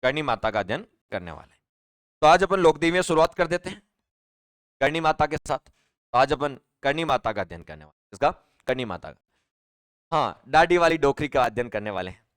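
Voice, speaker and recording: A man's voice: medium pitch, very animated, brisk, fairly bright tone, clean tone, no room sound, clean studio sound. A male teacher giving a live online exam-prep class, chatty and repetitive, often asking his students questions. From Rajasthan, India.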